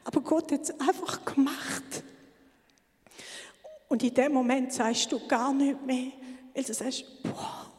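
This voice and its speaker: A woman giving a fervent church testimony, sometimes dropping to a hushed whisper for emphasis. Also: high-pitched, takes it slowly, long pauses. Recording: long hall reverb.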